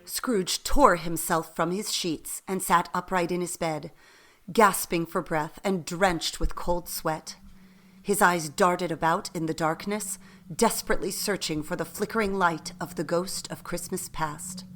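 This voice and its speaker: A woman with a fairly low-pitched voice narrates a radio play, telling the story in an expressive, deliberate way. Faint background noise can be heard.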